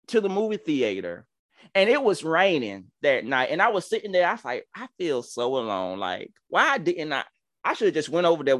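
A man's voice: sits high, a bit bright, no echo, studio quality. Fervent Georgia-accented preacher man. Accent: Southern US (Georgia). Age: 30s. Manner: fervent, preacherly, stammering restarts. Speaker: podcast host, minister. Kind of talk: testimony-style storytelling.

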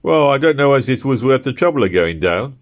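A man's voice: mid-range voice, big pitch swings, brisk, voice pushed up, close to an everyday voice. Worried working husband, read by a man, apologetic and anxious. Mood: fretful.

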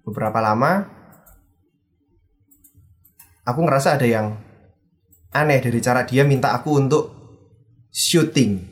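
A man's voice: mid-range voice, measured pace, pauses often, soft background music. A man, chatting casually as a podcast co-host, animatedly retelling a story and mixing in English phrases.

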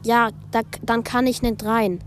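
A woman vlogger reading a group chat aloud in a casual way, with quick asides between the messages. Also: a little high, steady tone, slight background noise.

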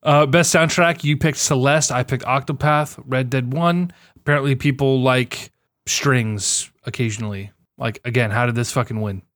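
A young man co-hosting a podcast, sarcastic and animated, swearing as he goes over award results. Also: mid-range voice, normal speed, no echo. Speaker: podcast co-host. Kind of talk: casual chat.

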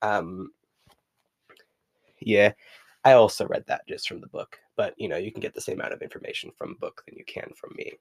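A man's voice: lowish voice, fairly quick, long pauses, darkish tone, no echo. A young man hosting a casual solo podcast, rambling with many fillers and reading passages aloud from a book. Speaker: podcast host.

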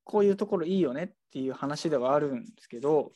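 Bookshop staffer, casual chat, rambling with fillers, lively swinging pitch. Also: fast talker. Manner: animated, rambling, full of fillers.

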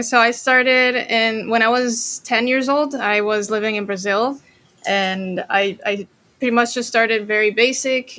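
Young costa rican woman chatting as a guest, lots of ums and restarts, laid back. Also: mid-range voice. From Costa Rica. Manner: relaxed, rambling with many fillers and restarts. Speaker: guest drummer. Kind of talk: casual interview chat.

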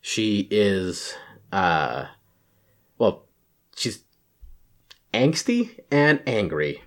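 A man's voice: fairly low pitch, very animated, very slow, fairly bright tone. Chatty man who trips over his words. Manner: rambling, stumbles over words, laughs at own slips. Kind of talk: casual chat. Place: office.

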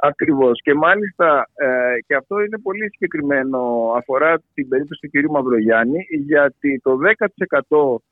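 A man from Greece giving spontaneous political analysis as a pollster in an interview, halting and searching for his words over a phone line. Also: on the high side, lively intonation, dry recording. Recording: tinny, band-limited phone line.

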